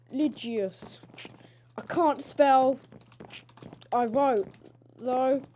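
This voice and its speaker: A woman putting on a loud, boastful voice for a swaggering Moses in a game commentary joke. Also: sits high, slight background noise, pitched above the performer's own voice. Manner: loud, boastful, drawn-out delivery. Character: swaggering cool-guy male Moses, bragging.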